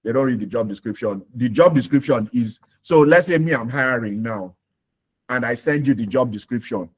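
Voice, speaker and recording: A Nigerian man hosts a live career Q&A webinar, speaking at a moderate pace with a husky, medium-pitched voice on dull audio. He explains with homely examples, repeats his points, and keeps checking that listeners follow by asking, "you understand?"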